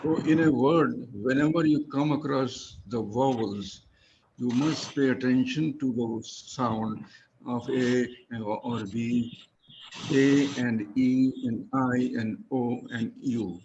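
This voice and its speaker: A man's voice: medium pitch, slow pace, highs cut off, noisy background. A man teaching English pronunciation one-on-one, patiently spelling words out letter by letter. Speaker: English tutor.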